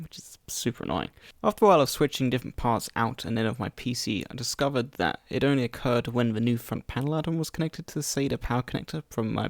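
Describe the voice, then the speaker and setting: A man narrating a voice-over for his tech vlog, croaky from a cold and explaining things in a slightly rambling way. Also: mid-range voice, dry recording, studio quality. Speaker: tech vlogger.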